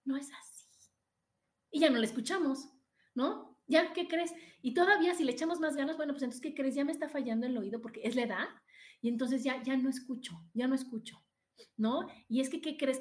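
A woman with a Mexican accent hosting a motivational podcast monologue, animated and repeating phrases for emphasis. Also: sits high, echoey room. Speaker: podcast host.

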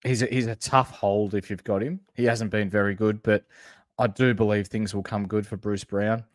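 A man's voice: fairly low pitch, steady tone, moderate pace, dry recording, studio quality. A man with a broad Australian accent, talking in an informal, agreeable, slangy way as a sports podcast co-host. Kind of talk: casual basketball analysis chat.

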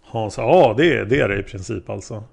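A man's voice: on the low side, animated, creaky, darkish tone. A man voicing a male taxi driver testifying as a witness, answering in a plain, hesitant way. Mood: calm.

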